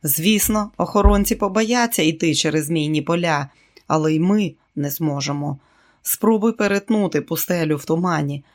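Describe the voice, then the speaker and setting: A man's voice: a little high, normal speed, close to an everyday voice. A male audiobook reader voicing a worried young man who protests against a risky escape.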